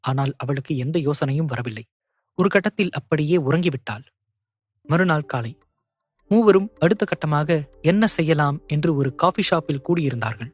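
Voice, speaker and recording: A man narrating an audio novel in a steady, measured storytelling manner. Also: a little high, dry recording, clean studio sound.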